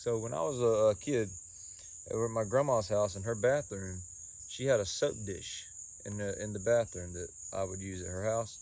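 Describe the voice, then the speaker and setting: A man giving a casual solo review in a folksy, halting way, often repeating words and pausing. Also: on the low side, darkish tone. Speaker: pipe tobacco reviewer.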